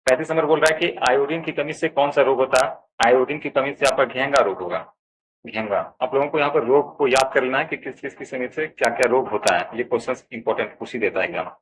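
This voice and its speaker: A man's voice: medium pitch, quick pace, hardly any pauses, breathy edge, poor audio. A man with a Bihari Hindi accent teaching an exam answer key, calling his viewers friends and explaining each option in turn. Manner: addresses viewers as friends, steady explanatory pace. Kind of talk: answer key walkthrough lesson.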